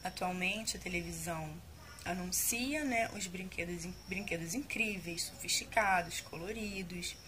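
A woman's voice: on the low side, moderate pace, sharp tone, slight background noise. A Brazilian woman teacher explaining a writing task in a patient, explanatory way, often checking in with tag questions. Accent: Brazilian Portuguese. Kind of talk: casual classroom instruction.

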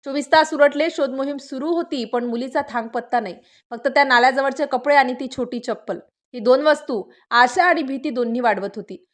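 A woman's voice: high-pitched, fairly quick. A woman narrating a scripted news story in a suspenseful, dramatic style with short clipped phrases.

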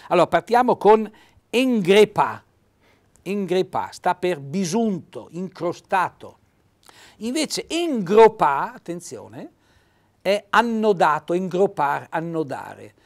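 A man's voice: high-pitched, very animated, a little slow, creaky. A man in his sixties with a Trentino accent, reading out Italian dialect phrases and explaining them as an informal lesson in a studio. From Trentino, Italy. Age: 60s. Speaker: host and dialect teacher. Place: small TV studio. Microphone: lapel mic.

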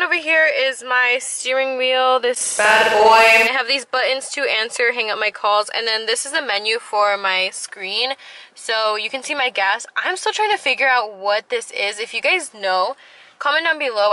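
A woman's voice: a little high, pushed and bright, poor audio. A young woman in her twenties chatting casually in a vlog, rambling and poking fun at herself, recorded inside a parked car on a dashboard camera. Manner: chatty, rambling, self-deprecating. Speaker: vlogger. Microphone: camera mounted on the dashboard.

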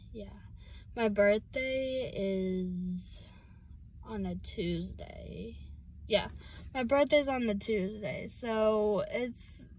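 A seventeen-year-old girl vlogging while driving, rambling and hesitant with lots of fillers and restarts. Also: mid-range voice. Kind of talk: casual chat while driving. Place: inside a car.

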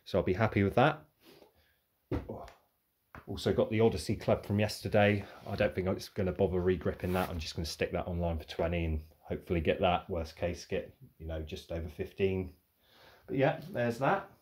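Laid-back man, low voice. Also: fairly quick, a little hiss or hum. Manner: relaxed, rambling, thinking aloud. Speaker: vlogger reviewing car boot sale finds. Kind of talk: casual show-and-tell.

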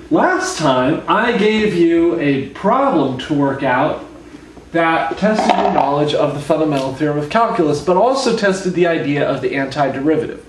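A hungover young man gives a casual whiteboard lecture in a deadpan, slightly awkward manner. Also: on the high side. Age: young adult. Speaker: calculus lecturer. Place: living room at home, indoors. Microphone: camera mic from a few feet away. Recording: roomy, distant mic, faint noise.

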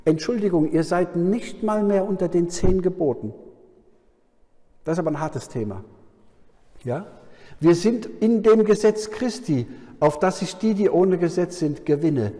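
A man's voice: sits high, animated, unhurried, long pauses, dark tone. A man preaching a sermon at a Bible conference, often checking in with his audience with a questioning "ja?". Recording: hall with long reverb.

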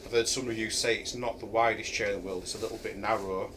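Here a middle-aged man from Yorkshire, England, speaking with a Yorkshire accent, talks through a camping chair review indoors in his kitchen, pausing often and filling gaps with ums. The voice sits on the low side, fairly even in intonation and fast, with background noise, recorded by a camera placed a few feet off.

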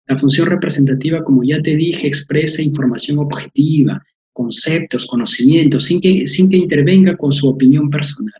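A man's voice: fairly high pitch, a little mellow, dull audio. A man, teaching an online language lesson, explaining patiently with fillers and repeated terms.

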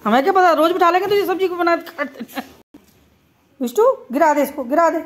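A woman's voice: very high-pitched, expressive, brisk. A woman filming at home, talking to her pet parrot in playful, coaxing baby-talk and teasing scolds. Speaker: pet vlogger.

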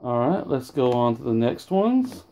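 In a casual home video, a man stands over a sofa indoors and shows off his autograph collection, rambling, losing track of his thoughts, and correcting himself. His mid-range voice is mellow and sing-song, a little slow, with a faint hiss or hum in the recording.

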